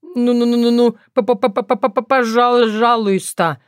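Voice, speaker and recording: A woman's voice: a little high, steady tone, unhurried, smooth, dry recording, studio quality, faint music behind, pitched above the performer's own voice, natural voice. A woman voicing a stubborn young male fox who stutters heavily on nearly every word. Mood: pleading. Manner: heavy stutter, repeating syllables. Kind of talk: audiobook character voice.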